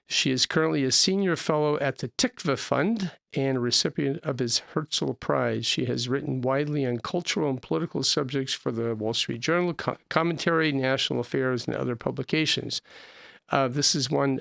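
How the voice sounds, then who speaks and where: A man's voice: mid-range voice, normal speed, vocal fry, a bit bright, no echo. A man in his sixties hosting a podcast from a small studio, talking earnestly and repeating himself with many restarts. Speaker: podcast host. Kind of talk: podcast interview. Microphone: studio mic with headphones.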